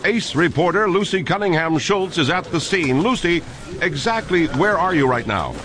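An actor playing an earnest, dramatic news anchor in a polished mock newscast for a children's radio drama. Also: male voice, a little high, expressive, moderate pace, crowd noise, lightly acted.

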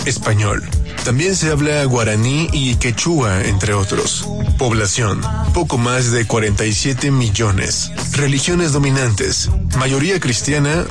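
Man narrating facts over music. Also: mid-range voice. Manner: even, list-like delivery of facts. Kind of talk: scripted narration. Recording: clear music bed behind the voice.

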